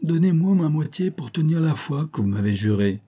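Greedy trickster fox, coaxing and insistent, pitched up, as a male reader puts him on. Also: animated, normal speed, mellow, husky. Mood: pleading. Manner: coaxing, insistent, with veiled threats. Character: crafty greedy male fox, pleading and wheedling. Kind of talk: storybook reading.

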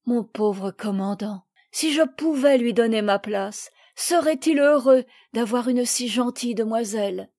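Woman reading a rough old sailor, all heart, gushing, dry close sound. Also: on the high side, a little slow, few pauses, darkish tone, dry recording. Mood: effusive. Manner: effusive, exclaiming. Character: sailor, middle-aged man, rough, emotional.

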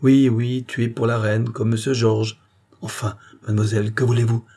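A man's voice: mid-range voice, flat delivery, moderate pace, mellow, natural voice. A man putting on an eager old gamekeeper. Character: old male farm gamekeeper, kindly and fussing.

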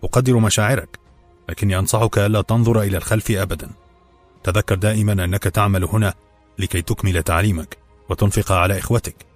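A man voicing a measured, cautious older mentor. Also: fairly low pitch, steady tone, faint music behind, natural voice. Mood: earnest. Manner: measured, earnest advice.

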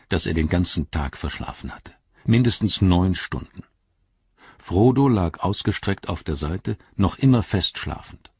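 Tiefe, sehr heisere Männer-Erzählstimme. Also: male voice, low voice, a little mellow, breathy edge, no echo, highs cut off. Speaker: audiobook narrator. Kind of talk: scripted narration.

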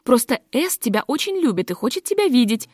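A woman voicing an eager female friend from society who reassures and persuades in an animated, lively way, read as an audiobook. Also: fairly high pitch, brisk, no echo, clean studio sound. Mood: reassuring.

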